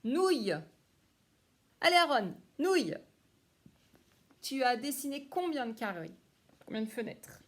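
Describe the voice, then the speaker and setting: A woman's voice: fairly high pitch, big pitch swings, brisk, fairly bright tone. A woman, a primary school teacher, giving a phonics lesson to young children and praising each one by name.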